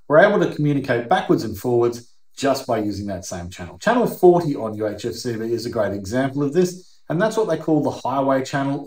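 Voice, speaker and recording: Speaking at a medium pitch with a somewhat dark tone, a middle-aged man with an Australian accent presents an explanatory video as host. His teaching style is conversational and emphatic. The setting is an indoor workshop or garage whose sound echoes around the room.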